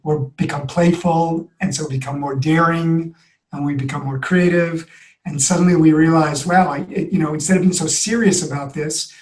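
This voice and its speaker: A man's voice: on the high side, fairly even intonation, moderate pace, a little mellow. A man talking earnestly and expansively as a podcast guest, building his ideas with examples in a reflective conversation. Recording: roomy echo.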